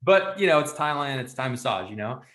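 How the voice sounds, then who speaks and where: A man's voice: medium pitch, expressive, a little fast, a bit bright. Guy hosting a podcast, chatty storyteller, lots of like and you know, echoey room. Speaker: podcast host. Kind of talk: casual conversational storytelling.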